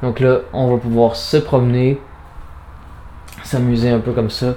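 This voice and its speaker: A man hosts an informal gear demonstration. His voice sits at a middle pitch, and he chats casually, narrating what he does step by step. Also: flat delivery, measured pace, warm tone, a little hiss or hum. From Canada. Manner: chatty, informal, narrates own movements step by step. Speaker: podcast host reviewing audio recorders. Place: small home studio and narrow hallway. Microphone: recorder's internal mic, later binaural in-ear microphones.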